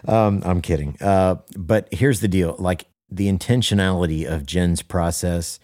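A low-voiced man talks on a podcast as a worship leader, his tone warm and mellow. He speaks earnestly, hammering points home by repeating them, and slips in deadpan jokes. The sound is dry and close, with no room around it. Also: unhurried, no echo. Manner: earnest and emphatic, repeats key phrases for stress. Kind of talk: casual podcast conversation.

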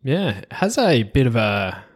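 A man's voice: medium pitch, sing-song, a little slow, breathy edge. An Australian man who co-hosts a casual chat of horse racing tips, talking as a tipster.

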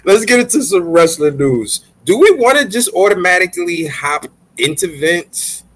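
Male podcast host from Brooklyn, fairly high voice, brash casual banter, profane and teasing. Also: big pitch swings, normal speed. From Brooklyn, New York.

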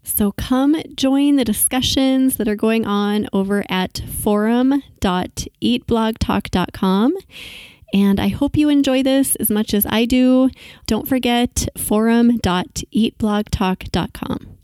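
A woman's voice: fairly high pitch, slow, darkish tone, dry recording. Upbeat woman podcast host, dry close sound. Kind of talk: podcast interview.

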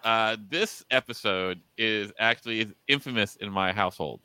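Bright, crisp-voiced man telling stories. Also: lowish voice, moderate pace, poor audio. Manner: animated, laughing storyteller with frequent restarts. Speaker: podcast co-host. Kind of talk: casual chat.

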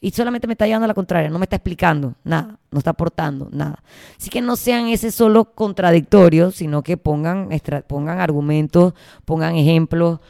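A woman's voice: fairly low pitch, creaky, a little mellow, dry recording, clean studio sound. A woman hosting a casual podcast monologue, chatty and slangy, acting out quoted arguments. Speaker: podcast host.

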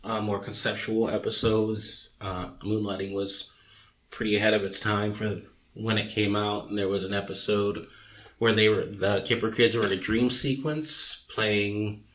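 A man in his thirties talks through pop culture trivia in a loose, rambling way, peppering his sentences with fillers. His voice sits a little low. There is a faint hiss under the recording. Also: flat delivery, moderate pace, fairly bright tone. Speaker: podcast co-host. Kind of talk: casual chat.

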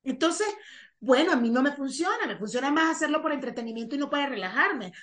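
High-voiced woman guest on a podcast, chatty and animated, casual interview talk. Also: fast. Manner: animated, chatty, trails off into soft asides.

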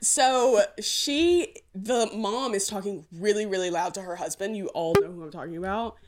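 A woman co-hosting a podcast in casual chat, telling an excitable, rambling story. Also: mid-range voice, normal speed. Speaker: podcast co-host.

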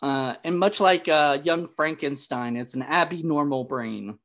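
A man recapping a film in relaxed conversation, talking in loose, meandering sentences full of fillers. He keeps breaking into laughter as he retells his favorite lines. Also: a little high, unhurried. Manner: rambling, many fillers, laughs at the jokes he retells. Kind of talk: casual chat recapping a movie.

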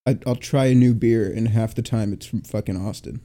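A man's voice: fairly low pitch, fairly even intonation, brisk, mellow. A joking man, co-hosting a casual podcast and teasing himself and his friends. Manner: joking, self-mocking. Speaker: podcast co-host. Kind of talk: casual chat.

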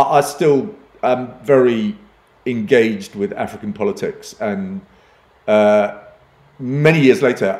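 An echoey room carries the lowish, darkish voice of an older advertising executive who grew up in Uganda and Kenya. As a podcast guest in a conversational interview, he restarts his sentences a lot and is quick to make fun of himself.

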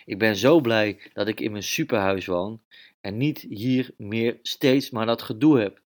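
A man's voice: fairly low pitch, measured pace, natural voice. Brief: restless young superhero mouse in a storybook, grumbling and hesitant, a man acting him out.

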